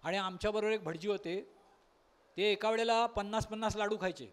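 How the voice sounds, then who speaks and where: A man tells comic stories from a stage in a high voice. He performs with lively timing and keeps breaking into sung verses and quick character voices. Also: clear, resonant tone. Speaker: stand-up comedian. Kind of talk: comic storytelling monologue. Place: live stage at a college workshop.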